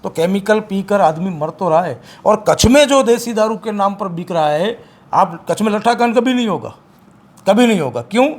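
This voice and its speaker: A man speaking as an activist in an interview, forceful and repeating his points with emphasis. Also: high-pitched, animated, moderate pace. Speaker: campaign activist. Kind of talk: interview, political criticism.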